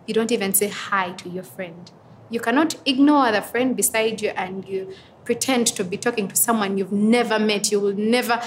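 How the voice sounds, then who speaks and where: A young woman in her twenties from Uganda speaks earnestly in an interview. She answers reflectively, with pauses and small fillers as she gathers her thoughts. A faint hum of background noise sits behind her voice. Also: mid-range voice. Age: 20s. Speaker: interviewee, advocate for women and girls.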